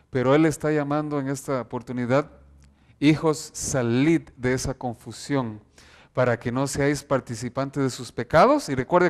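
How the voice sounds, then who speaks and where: A man preaching an earnest sermon, reading scripture aloud from slides and slowing down to stress key verses. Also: medium pitch.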